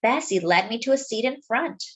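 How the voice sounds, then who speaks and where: With a fairly high voice, a woman acts out a children's tale as she reads it aloud. Her storyteller's delivery to young listeners is dramatic, expressive and slow.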